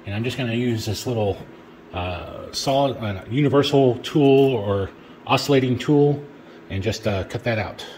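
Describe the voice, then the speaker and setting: A man's voice: medium pitch, a little slow, darkish tone, reverberant, slight background noise. Middle-aged man explaining a garage project. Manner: plain step-by-step explaining with fillers. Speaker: DIY home improvement vlogger. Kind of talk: casual how-to narration. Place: large garage, indoors. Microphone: camera on tripod, across the garage.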